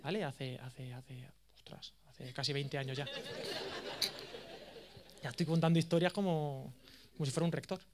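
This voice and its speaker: A man in his thirties with an accent from Spain, giving a course lecture as a lively, self-mocking storyteller. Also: mid-range voice, normal speed, pauses often, crowd noise, background noise. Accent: Spain Spanish. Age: 30s. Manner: animated, self-mocking, jokey.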